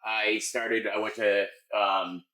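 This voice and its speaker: A middle-aged American man, a chef, explaining his cooking in a casual, halting conversational way. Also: lowish voice, little pitch movement, bright, forceful tone. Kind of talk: casual cooking demonstration and chat. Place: restaurant kitchen. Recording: echoey kitchen room sound.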